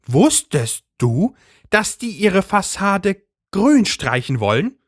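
In a storybook reading, a man voices a shrill, bossy middle-aged housewife who is sure of a conspiracy and nags her husband nonstop, indignant and very animated. The exaggerated voice sits well above his own range and leaps about wildly. The sound is close and dry, with no room sound.

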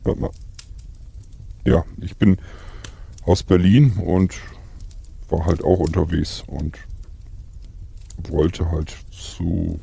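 A man with an extremely deep, gravelly, raspy voice, recounting events calmly and matter-of-factly. His delivery is flat and dark. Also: drawn-out words, long pauses. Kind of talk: in-character survival role-play chat.

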